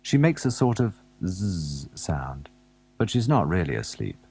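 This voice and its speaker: A man narrating a children's alphabet storybook, gently asking the young listener questions as he goes. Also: deep voice, wildly swooping pitch, moderate pace, slightly rough.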